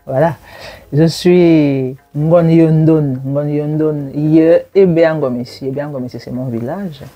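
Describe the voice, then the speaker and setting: A Gabonese university lecturer in her forties reflects on her childhood during an interview, offering personal testimony. Her voice sits low with fairly even intonation, and she pauses with fillers and laughs now and then. The audio sounds dull.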